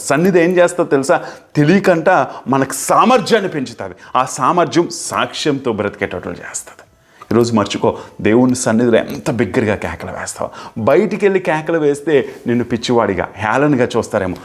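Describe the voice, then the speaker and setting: A man's voice: medium pitch, expressive, fast. Male pastor, fervent repetitive preaching style, mid-range voice. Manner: fervent, repetitive preaching, rising and falling emphasis. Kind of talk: sermon.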